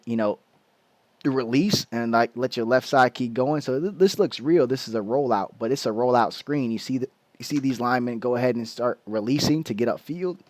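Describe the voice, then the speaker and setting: A man's voice: medium pitch, no room sound. Man breaking down football film, dry close sound. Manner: loose, slangy, restarts a lot while explaining plays. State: hiccups. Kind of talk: casual film breakdown commentary.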